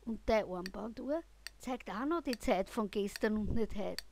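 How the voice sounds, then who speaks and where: A woman's voice: medium pitch, unhurried, a little mellow, slight background noise. A woman with a Viennese accent expressively reciting a humorous poem in dialect.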